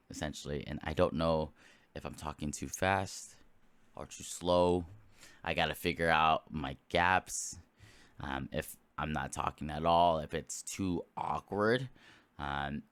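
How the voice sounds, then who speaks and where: A man's voice: deep voice, fairly bright tone, clear, resonant tone, dry recording. A man in his late twenties hosting a solo podcast, talking casually in a rambling way with lots of fillers and restarts. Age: late 20s. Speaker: podcast host.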